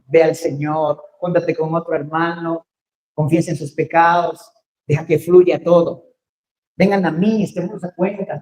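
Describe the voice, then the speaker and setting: A male pastor with a Mexican accent delivers an impassioned sermon, his high voice rising from hushed asides to loud calls. The sound carries the echo of a church room. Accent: Mexican Spanish. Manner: impassioned preaching, swings from quiet to loud exhortation. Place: church hall.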